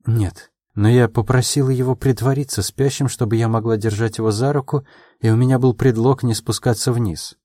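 A man voicing a proud, quick-tempered young woman in an audiobook, her lines pitched a little above his own and delivered in quick, emotional replies. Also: steady tone, warm tone, no echo, studio quality, lightly acted. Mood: defensive, earnest.

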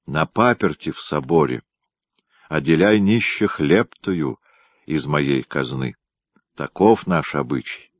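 A man playing a brooding tsar, deep and slow. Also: lively intonation, no echo, clean studio sound, exaggerated voice. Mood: solemn. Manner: slow, solemn and gentle. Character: brooding older tsar, tender but troubled. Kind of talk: audiobook reading.

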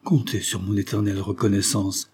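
A man's voice: fairly low pitch, flat delivery, fairly quick, darkish tone, a little hiss or hum, natural voice. A man reading the part of a frightened, wounded republican stranger who speaks in a theatrical, effusive way. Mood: anxious.

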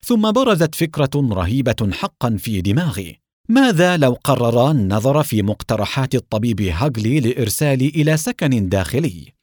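A man narrating a first-person story in a reflective, expressive reading style, recorded close to the mic. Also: mid-range voice, a little fast, no room sound. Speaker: audiobook narrator.

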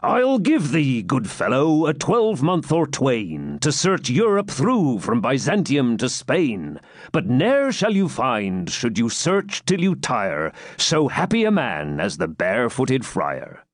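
A man's voice: mid-range voice, huge pitch swings, slow pace, dry recording, clean studio sound, exaggerated voice. A man reading the part of a jovial old hermit friar, in a hearty, mock-grave recitation. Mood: merry.

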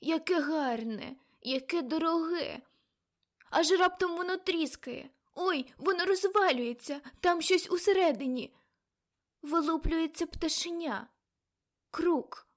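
An elderly great-aunt caught in a prophetic trance, as a woman reader puts her on, her voice lifted well above a normal speaking pitch and pushed loud. She speaks in a dreamy, faraway way that turns shrill and frightened. This is an audiobook character. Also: unhurried. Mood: entranced.

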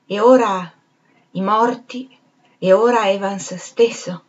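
A woman's voice: mid-range voice, takes it slowly, highs cut off. A woman reading aloud, voicing a dead soldier who chants solemnly in an audiobook. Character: dead soldier singing among orchids, solemn.

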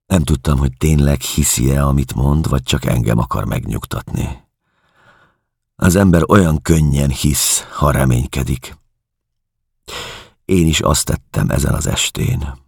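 Man, audiobook narrator, very low voice, husky, dry studio sound. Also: no echo. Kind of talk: first-person novel narration.

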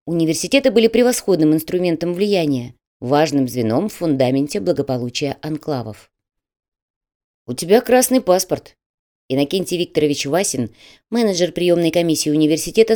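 Woman, audiobook narrator, measured reading, low pitch, mellow tone.

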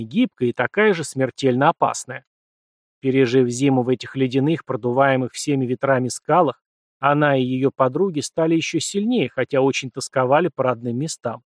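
A man narrating an audiobook in a steady, even storytelling manner. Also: mid-range voice, no echo, clean studio sound.

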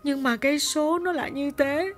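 A woman's voice: high voice, steady tone, moderate pace, soft background music, close to an everyday voice. A woman voicing an emotional young female servant who tells her story plainly. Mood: recounting. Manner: plain-spoken, storytelling with sobs.

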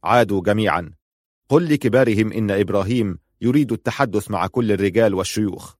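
A man's voice: on the low side, fast talker, dry recording, studio quality, close to an everyday voice. Man voicing a stern protective clan leader. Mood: commanding. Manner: firm, clipped orders softening to gentle reassurance. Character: stern protective male clan leader, commanding yet tender.

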